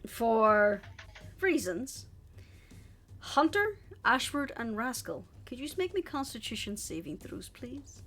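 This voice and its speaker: A woman running an online tabletop game as game master, calmly reading rules aloud and calling turns. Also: fairly high pitch, slow pace. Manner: calm, reads rules aloud. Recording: faint music underneath.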